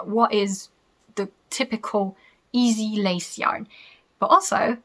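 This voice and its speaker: A native French speaker in her thirties, with a French accent, hosts a knitting podcast, chatting casually to camera in a rambling way and laughing easily. Her voice is on the high side, bright, and forceful in tone.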